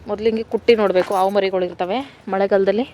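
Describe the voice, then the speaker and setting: A woman's voice: mid-range voice, fairly even intonation, fast, mellow, faint music behind. A woman of about twenty-eight with a rural Kannada accent, chatting casually and jokingly to viewers in a village home vlog. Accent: rural Kannada, Kanakapura area. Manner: joking, addresses viewers as friends, coos at pets. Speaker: vlogger. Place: village home, indoors and outdoors.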